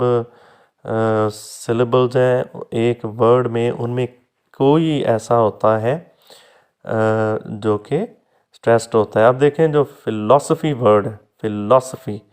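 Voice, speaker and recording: Slow, patient male lecturer. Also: medium pitch, darkish tone. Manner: patient, explains step by step, repeats example words slowly; addresses students fondly as "beta". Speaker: teacher. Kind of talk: recorded lecture.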